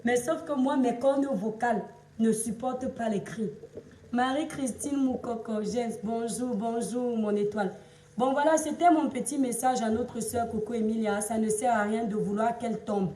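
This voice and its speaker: A high-pitched Cameroonian woman with a Cameroonian French accent, her voice hoarse from shouting, talking on a casual live stream. She greets viewers and lectures them in a chatty, pleading tone. She sits back from the phone in a roomy space. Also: normal speed, recorded from a distance, slight background noise. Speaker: livestream influencer and seller. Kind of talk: casual Facebook live chat.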